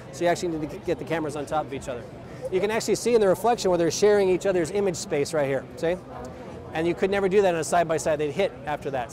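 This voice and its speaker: A man in his forties casually explaining camera gear at an outdoor trade show booth, speaking into a lapel mic with plenty of fillers. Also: a little high. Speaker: company president and filmmaker. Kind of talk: trade show equipment demo. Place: outdoor expo booth under an umbrella. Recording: outdoor crowd noise. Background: crowd chatter.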